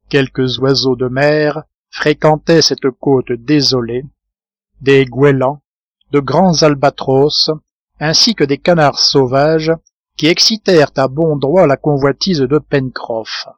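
A man reading a novel aloud in measured scripted narration, lightly voicing the characters. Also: mid-range voice, no echo. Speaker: audiobook reader.

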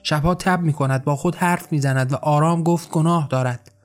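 A man's voice: on the high side, steady tone, faint music behind, close to an everyday voice. A man reading the part of a protective old woman in an audiobook story, speaking firmly and reproachfully. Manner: firm, reproachful. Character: kind, protective old woman, firm when angered.

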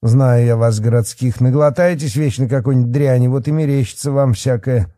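A man voicing a fat, pompous rural policeman who sneers and shouts at teenagers. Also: medium pitch, steady tone, moderate pace, no echo, clean studio sound, voice pushed up, natural voice. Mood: sneering. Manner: blustering, scornful, shouting.

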